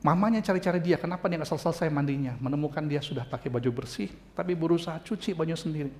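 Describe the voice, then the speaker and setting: A man's voice: a little high, very fast, darkish tone. A male pastor preaching a sermon, telling a story expressively and speaking heartfelt to the congregation.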